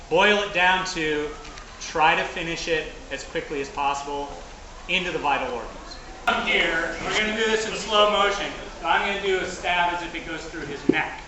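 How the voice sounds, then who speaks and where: A high-pitched man leads a live demonstration as a fight director, explaining moves to onlookers while he stays on the move. He is recorded from a distance in a strongly echoing space, with clear noise around him. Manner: instructional, talking to audience and partner; physically active while talking. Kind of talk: live stage combat demonstration. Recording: echoey, noisy space, distant mic.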